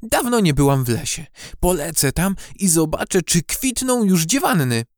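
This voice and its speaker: A man voicing a cheerful, curious young female bee in a storybook audiobook, lively and playful. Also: high voice, normal speed, no room sound, studio quality, pitched above the performer's own voice.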